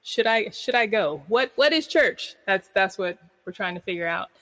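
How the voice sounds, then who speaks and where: A podcast host asking questions in a relaxed, self-deprecating way with halting restarts. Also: male voice, high-pitched, long reverb tail. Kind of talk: casual podcast conversation.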